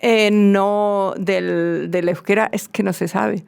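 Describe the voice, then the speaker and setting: A woman's voice: medium pitch, steady tone, slow, vocal fry, a little mellow, clean tone. A woman with a southern Spanish accent, a guest linguist explaining in a radio conversation, lecturing with many restarts and tag questions.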